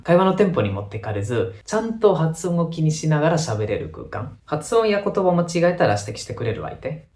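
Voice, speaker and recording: A man who learned Japanese as an adult narrates a vlog quickly and casually, his pitch bouncing up and down as he explains. The sound carries a roomy echo. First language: not Japanese. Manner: lively, chatty, quick explanations. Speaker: vlogger.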